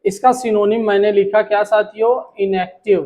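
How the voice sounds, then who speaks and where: A man's voice: high-pitched, fairly even intonation, a little mellow, low-quality recording. A man teaching English vocabulary to a class, drawing out words and repeating questions back to the students, with playful memory jokes. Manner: drawn-out repetitive teaching, asking the class back.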